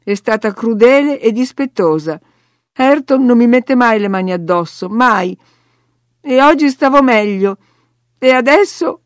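A woman's voice: on the high side, lively intonation, normal speed, no echo, close to an everyday voice. A whiny, sickly boy with a raised, needling voice, as a woman reader puts him on. He taunts in a sing-song and sulks, all inside a storybook reading. The recording is dry and close. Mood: sulky.

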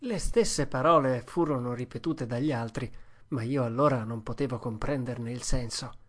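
A narrator giving a steady, expressive first-person reading of a classic adventure story as an audiobook. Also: mid-range voice, moderate pace.

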